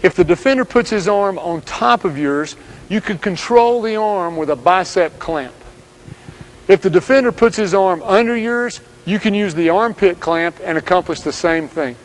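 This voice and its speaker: A man giving scripted instructional narration as a basketball coach, speaking in steady, direct commands. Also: high-pitched, normal speed, slight background noise, low-quality recording.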